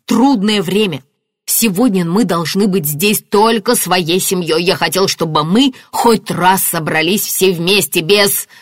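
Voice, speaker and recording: A woman's voice: medium pitch, very animated, normal speed, hardly any pauses, no room sound, clean studio sound, pitched above the performer's own voice. A woman voicing a furious grieving father. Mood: raging. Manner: shouting, raging.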